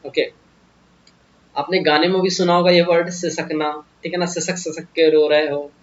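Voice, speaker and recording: A man's voice: on the high side, level tone, moderate pace, muffled recording. A man teaching English vocabulary in a casual, joking way, often asking the viewer questions. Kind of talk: casual Hindi vocabulary lesson.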